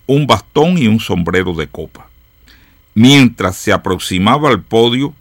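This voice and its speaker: A man hosting a radio program, reading reflective stories in a slow, measured way with dramatic pauses and falling line endings. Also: fairly low pitch, a bit bright, no echo, studio quality. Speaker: radio host.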